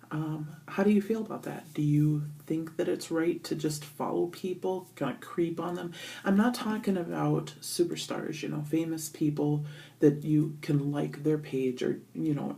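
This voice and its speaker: A woman's voice: sits low, steady tone, unhurried, creaky, dark tone. A middle-aged woman vlogging in a bathroom with an echo, chatting casually with lots of ums and asking her viewers for feedback. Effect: echoey bathroom sound. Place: bathroom on a business trip.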